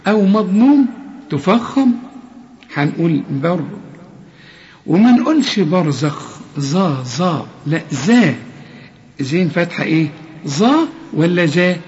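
A high-voiced, slightly mellow Egyptian man with an Egyptian Arabic accent gives a tajweed lesson with recited examples. He corrects, repeats sounds, and asks the listener questions. The recording is dull and lo-fi with long reverb.

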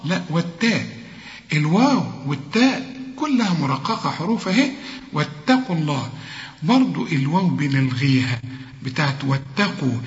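An Egyptian man gives a recitation lesson in a somewhat high voice. He draws each word out slowly, then explains and corrects it. The room is echoey with a long reverb tail, and the recording sounds dull and lo-fi. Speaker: Quran recitation teacher. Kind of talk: tajweed lesson.

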